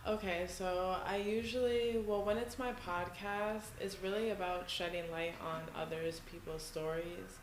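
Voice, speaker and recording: A woman's voice: fairly low pitch, steady tone, measured pace, hardly any pauses, a little hiss or hum. A woman from New York hosting a casual podcast interview in someone's living room, chatty and full of fillers. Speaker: podcast host. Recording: echoey room.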